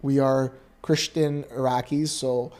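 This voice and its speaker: Male co-host, casual chat, animated storyteller, mid-pitched. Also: a little slow. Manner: animated storyteller, acts out voices. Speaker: podcast co-host.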